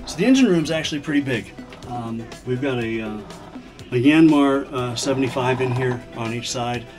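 A laid-back man at an ordinary pitch, showing off his catamaran out on deck and down in the engine room. His talk meanders, full of fillers and restarts. Music plays clearly underneath him. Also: normal speed. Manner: relaxed, rambling, lots of ums and uhs. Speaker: boat owner giving a tour. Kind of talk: casual walkthrough vlog. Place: aboard a sailing catamaran, outdoors and in engine room.

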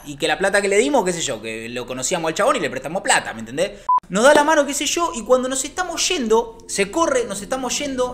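A young man with a Rioplatense Argentine accent telling a comic anecdote, acting out voices and swinging from loud to hushed. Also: high-pitched, a little hiss or hum. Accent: Rioplatense Spanish. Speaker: storyteller.

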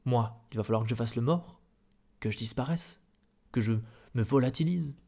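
A man playing an outraged painter who protests and pleads, in a soft-spoken ASMR reading. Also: mid-range voice, normal speed, vocal fry. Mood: bewildered. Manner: exasperated, protesting. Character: indignant middle-aged male painter, outraged and desperate.

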